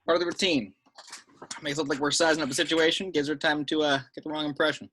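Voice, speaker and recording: A man reading the part of a dry, no-nonsense seasoned government agent at an amateur table read, clipped and deadpan. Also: on the high side, fast talker, slight background noise. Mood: instructive.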